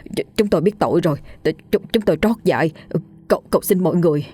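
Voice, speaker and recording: Woman voicing terrified thieves, stammering, pleading, rushed. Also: lowish voice, breathy edge, dry recording. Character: terrified thieves begging for mercy.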